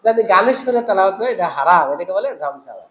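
A man's voice: high-pitched, lively intonation, rapid-fire, sharp tone, reverberant, a little hiss or hum. A man teaching Quran recitation in an online lesson, explaining each rule and chanting short examples.

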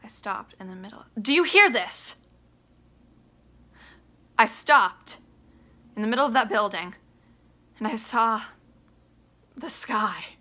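A woman's voice: steady tone, moderate pace, long pauses. A young woman performing a theatrical monologue as a bitter, desperate grown son confronting his father, with emphatic delivery. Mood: agitated, searching. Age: young adult. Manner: emphatic, confrontational, swinging from low to shouting. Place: small plain room indoors.

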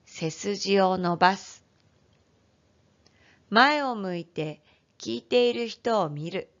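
A woman teacher leads a lesson for young children, speaking slowly and deliberately with careful, clear enunciation. Her voice sits at a moderate pitch and has a gentle, encouraging tone. The recording sounds slightly dull and lo-fi. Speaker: elementary school teacher. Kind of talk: online lesson for first graders.

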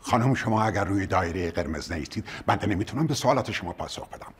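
A man's voice: sits low, animated, slightly rough, full character voice. An actor playing a stiffly formal male attendant who keeps repeating his instructions in a TV comedy. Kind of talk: TV comedy acting.

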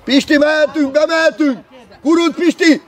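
A man with a very high, strained voice coaches a youth football match from the sideline. He calls out player names and barks short, urgent instructions. Crowd chatter from the outdoor pitch fills the background. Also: fairly even intonation.

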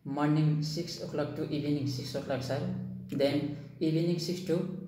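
A man's voice: fairly high pitch, level tone, moderate pace, roomy sound, recorded from a distance, over music, rough recording. A man in his thirties from Nepal, answering job interview questions in short, polite, simple sentences that end in "sir". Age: 30s. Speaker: job applicant. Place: small indoor room, seated at a desk.

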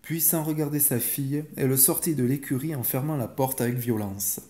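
A man calmly reading a bedtime story aloud in a measured way. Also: medium pitch. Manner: calm and measured.

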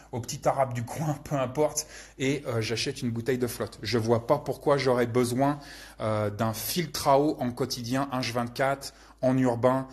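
A man with a husky, slightly rough voice talks through viewer questions in a loose, off-the-cuff way. He hesitates constantly and throws in crude slang, sounding relaxed and unscripted. His pitch sits right in the middle for a man. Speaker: channel host answering viewer questions. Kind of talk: casual live Q&A chat.

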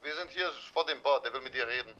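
A man role-playing a gang messenger over a filtered game phone call, speaking haltingly. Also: medium pitch, bright, forceful tone. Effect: phone or radio filter. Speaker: player acting as a gang messenger. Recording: dull, muffled in-game phone line.

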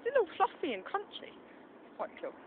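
A woman's voice: very high-pitched, wildly swooping pitch, normal speed. A woman chatting and coaxing her dog as she films it in a snowy garden at evening. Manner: chatty, coaxing, often laughing, calls out to the dog. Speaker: dog owner filming her pet. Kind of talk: casual commentary while filming. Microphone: handheld camera mic. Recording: lo-fi camera audio with faint outdoor noise.

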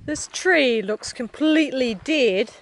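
Holding her camera out at arm's length, a hiking vlogger walks a desert mountain trail and gives casual, eager commentary. She's middle-aged with a New Zealand accent, and her high-pitched voice is animated but slow-paced. The outdoor camera sound is noisy.

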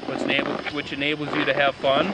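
A man's voice: medium pitch, completely flat delivery, fast talker. A man working as a snowboard instructor, explaining technique and coaching a learner on a snowy slope. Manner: coaching, encouraging directions. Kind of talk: outdoor instruction and interview. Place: outdoors on a snowy ski slope. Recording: loud wind noise outdoors.

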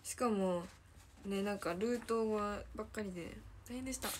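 A woman's voice: mid-range voice, moderate pace, heavy background noise. A teenage girl with a Kansai accent chatting casually on a livestream, giggling often and repeating her own phrases as she reads viewer comments. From Hyogo, Japan. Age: teens. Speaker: idol trainee livestreamer.

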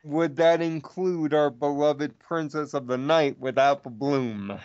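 A man's voice: a little high, fairly even intonation, unhurried, darkish tone, highs cut off. A man hosting a casual fan podcast, with a hesitant, stop-and-start way of talking. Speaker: podcast host.

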